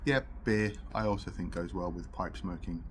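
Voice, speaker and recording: A man's voice: low voice, normal speed. A British man gives a casual review to camera, talking between puffs with a pipe in his mouth, recorded on a camera's own microphone. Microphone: built-in camera microphone. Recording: noisy camera audio without separate microphone.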